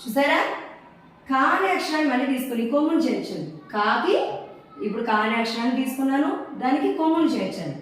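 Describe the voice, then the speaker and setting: High-voiced teacher woman in echoey room. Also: animated, distant mic, a little hiss or hum. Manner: slow repetitive drilling, asks and answers own questions. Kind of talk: teaching Telugu letter signs to children. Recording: very echoey room, voice away from the mic.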